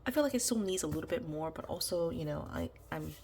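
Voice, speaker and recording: Her low, a little mellow voice moves fast with lively intonation, and a faint hiss or hum sits in the recording. This woman vlogger is sick, congested, and nasal, her voice beginning to give out, as she chats casually and meanderingly through decorating her planner, full of ums and you-knows, plan-with-me style.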